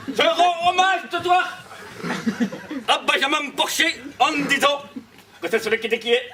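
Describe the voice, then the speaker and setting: A young man putting on a shouting, bombastic voice to play a mock dictator in a comedy debate speech. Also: very high voice, heavily acted. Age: young adult. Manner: shouting, declamatory, mock-grandiloquent. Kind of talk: debate-contest speech with a put-on accent. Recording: noisy hall, mic far off.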